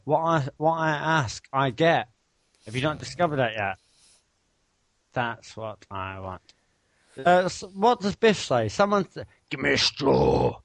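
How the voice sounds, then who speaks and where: A man's voice: medium pitch, fairly bright tone, no room sound. A man hosting a live video chat at his computer, rambling and swearing in casual banter.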